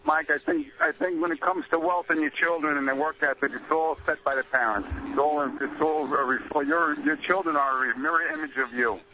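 A man's voice: fairly high pitch, fairly quick, few pauses, sharp tone. A middle-aged man calling in to a radio show over a noisy line, casually giving his opinion. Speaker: radio call-in caller.

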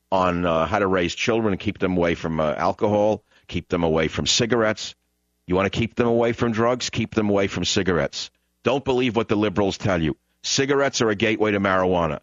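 A man hosts a call-in radio talk show, emphatic and combative, repeating lines for effect. His voice is on the low side with no room sound, and the broadcast audio is dull.

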